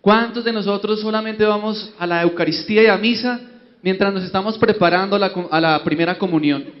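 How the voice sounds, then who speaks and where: A man's voice: sits high, brisk. A man with a Colombian accent preaching a humorous sermon, telling a joke and quizzing his audience. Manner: joking, storytelling, asks audience. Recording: dull lo-fi, long hall reverb.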